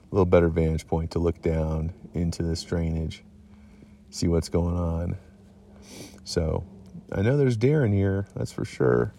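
Tired guy rambling slow at his tent at night, low gravelly voice. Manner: relaxed, rambling, many ums and restarts. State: tired, yawning. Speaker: hunter vlogger. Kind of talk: casual night camp vlog recap. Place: outdoors at a mountain camp by a tent at night.

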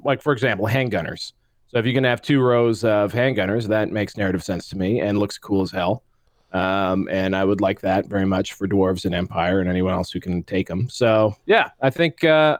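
A man co-hosting a casual tabletop wargaming podcast, talking in an animated, rambling way and often breaking off his own sentences. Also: mid-range voice, no room sound, studio quality. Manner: animated, rambling, self-interrupting. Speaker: co-host.

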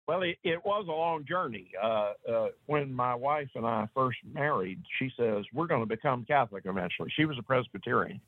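A man from East Tennessee speaks with an Appalachian accent at a middling pitch. He tells things in a folksy, unhurried, conversational way as a guest. The sound is dry, with hardly any room in it. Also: no room sound, narrow, tinny audio. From East Tennessee, USA. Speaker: guest author. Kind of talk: casual interview talk.

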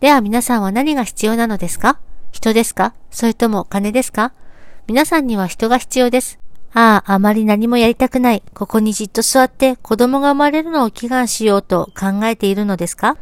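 A woman with a fairly high, smooth and resonant voice reads a sermon text aloud. Her delivery is calm and measured, a steady scripted recitation. The sound is dry and close, with no room around it. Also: no echo. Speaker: reader of religious teachings.

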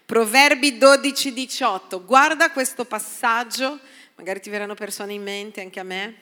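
Bright-voiced woman preaching in a hall. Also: moderate pace. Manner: preaching with call-and-response "Amen?" to the congregation; swings from soft, low asides to loud, emphatic lines. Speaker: pastor. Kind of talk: sermon. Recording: long reverb of a large hall.

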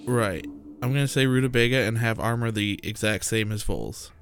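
A man with a somewhat low voice casually declares his character's actions in a tabletop game. Music plays softly behind his talk. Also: moderate pace.

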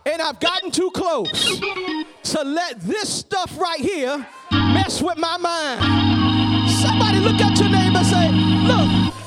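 A man preaching a sermon in a rising cadence, with rhythmic repeated phrases that build toward drawn-out, half-sung shouts. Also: extremely high pitch, expressive, loud music behind the voice. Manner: repetitive, rhythmic call-and-response phrasing.

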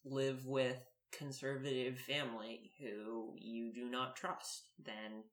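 A podcast co-host speaking in casual chat, measured, with pauses between phrases. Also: mid-range voice, little pitch movement, a bit bright, reverberant.

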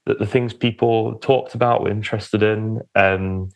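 Young male podcast guest, slightly low voice, hesitant conversational testimony. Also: fairly even intonation, normal speed, gravelly. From England, Romford in Essex on the edge of London. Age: young adult. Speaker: podcast guest, church minister.

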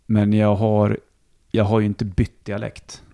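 A man with a Hälsingland Swedish accent, chatting casually as a guest, relaxed and rambling, swearing easily. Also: fairly low pitch, vocal fry. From Sweden, Hälsingland. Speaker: musician and radio host, guest. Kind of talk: casual conversation.

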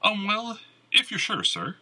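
A man's voice: high-pitched, huge pitch swings, measured pace, bright, forceful tone, pitched above the performer's own voice, exaggerated voice. Man doing a timid stammering minstrel. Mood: fearful. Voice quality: stammering, pleading. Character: timid nervous male minstrel. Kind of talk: audiobook character reading.

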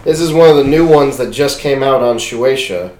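A man's voice: medium pitch, normal speed, a little mellow. Young guy cohosting a podcast, rambly and cussing, kinda echoey room. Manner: rambling, swears freely, lots of "like" fillers. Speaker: podcast co-host. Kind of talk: casual podcast chat.

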